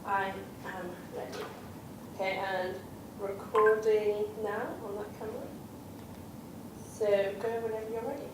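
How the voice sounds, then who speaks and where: A woman's voice: mid-range voice, steady tone, unhurried, pauses often, noisy background. A young woman directing a workshop scene, rambling with many fillers, recorded from afar in an echoey room. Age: young adult. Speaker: student director. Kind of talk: casual briefing. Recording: echoey room, far-off camera mic.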